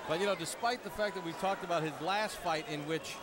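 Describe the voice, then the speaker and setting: A man's voice: high voice, brisk. A man giving live boxing commentary from ringside as a broadcast commentator. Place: ringside at an indoor arena. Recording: loud crowd and arena noise.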